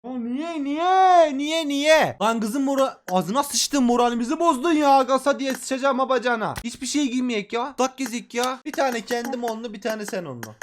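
A young man chatting excitedly to his viewers while playing a mobile game, swearing and shouting with glee. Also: very high voice, fairly quick, hardly any pauses, a little hiss or hum. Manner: loud, swearing, bursts into shouts and laughter. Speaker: gaming YouTuber. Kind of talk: excitable casual game commentary.

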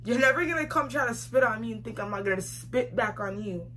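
On a clearly noisy home recording, a young woman vlogs from a small room, seated facing the camera as she tells a story in a casual, emphatic, slangy way, repeating phrases for effect. Her voice is on the high side, animated and a little fast, with a bright, forceful tone.

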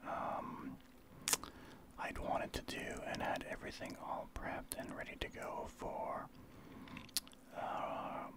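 Whispering man, ASMR game commentary. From Saskatchewan, Canada. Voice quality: soft breathy whisper. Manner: explanatory, informal gamer talk. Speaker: streamer, ASMR channel host.

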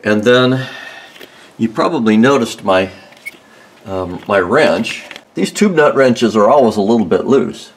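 A man with a fairly low voice talks through a garage repair job in a relaxed, meandering way. He pauses with ums and restarts his sentences, like someone thinking aloud as he works. The sound comes from a handheld phone held close, under a car. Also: slight background noise. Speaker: home mechanic host. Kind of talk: casual how-to demonstration.

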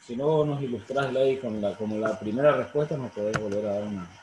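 Profesor argentino de mediana edad, clase por videollamada, algo de ruido de fondo. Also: male voice, on the low side, a little fast, a little mellow. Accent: Argentine Spanish. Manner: explanatory, frequent fillers and self-corrections. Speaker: law professor. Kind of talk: online university lecture. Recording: roomy sound, faint noise.

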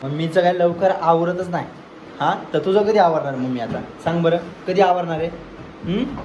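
A man's voice: on the high side, fairly quick, darkish tone, roomy sound, dull audio. A man filming a casual family vlog at home, teasing his wife and cooing at a baby. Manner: playful, teasing, baby talk to a child. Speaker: family vlogger. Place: home, indoors. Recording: noisy home recording.

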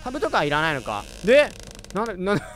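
A man doing chatty, excitable commentary while playing a horror game, reacting aloud with jumpy exclamations. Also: high-pitched, rapid-fire, slight background noise. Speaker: gamer. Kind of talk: let's play commentary.

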